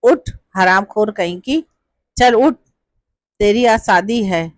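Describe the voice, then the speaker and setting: A woman voicing a cruel, bitter mother in a spoken Hindi folk tale, scolding in a shrill voice. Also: steady tone, unhurried, no room sound, clean studio sound, close to an everyday voice. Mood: shouting. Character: harsh, bitter poor mother, middle-aged.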